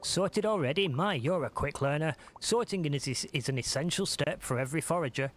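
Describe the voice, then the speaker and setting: A man reading the lines of a cheerful village forager woman from a cozy game, in a brisk, folksy tone. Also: a little high, animated, soft background music, natural voice. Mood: chirpy.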